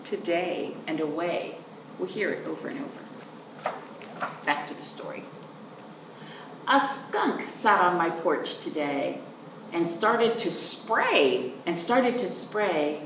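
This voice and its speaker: A children's librarian leads storytime, reading a picture book aloud with wide pitch swings and sing-song, stretched-out words. She is animated but unhurried, stopping to explain words simply for the kids. The mic sits a bit away from her in an echoey room, with faint noise.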